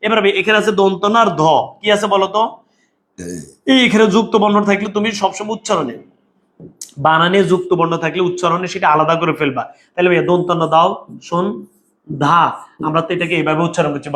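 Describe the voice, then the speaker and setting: A man's voice: sits high, fairly bright tone. A man teaching an online exam-prep language class, drilling students with call-and-response repetition and calling them brother. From Bangladesh. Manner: calls listeners "bhaiya". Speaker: Bangla teacher.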